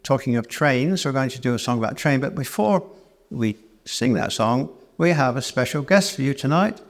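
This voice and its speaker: Brief: male cabaret storyteller, mid-pitched, meandering self-deprecating stage yarn, live in a church. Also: animated, moderate pace, gravelly. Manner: rambling and self-deprecating, with many restarts. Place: church hall, live performance.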